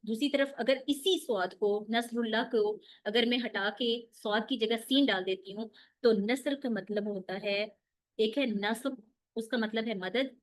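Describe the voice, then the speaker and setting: A woman teaching an online Quran recitation lesson, explaining mistakes step by step and answering her own questions. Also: fairly high pitch.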